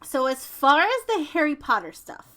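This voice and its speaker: A woman's voice: high voice, very animated, normal speed, sharp tone. A woman co-hosting a podcast in casual chat, informal and emphatic, sometimes reading out news items. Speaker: podcast co-host.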